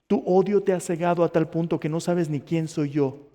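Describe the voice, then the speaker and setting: A man's voice: a little high, moderate pace, mellow, in a large hall, natural voice. A man voicing a stern divine figure rebuking a persecutor, firm and scolding.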